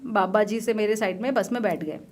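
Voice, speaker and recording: A woman's voice: mid-range voice, brisk. A woman in her thirties, an army officer guest, telling stories animatedly, laughing often and mixing in English. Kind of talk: casual interview storytelling.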